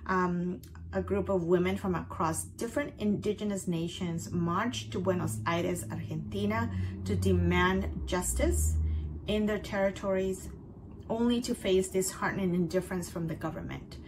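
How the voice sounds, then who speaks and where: A woman hosting in a conversational, semi-scripted style, giving film recommendations in a measured, explanatory way with brief pauses. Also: fairly low pitch, noisy background. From outside North America. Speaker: festival picks host.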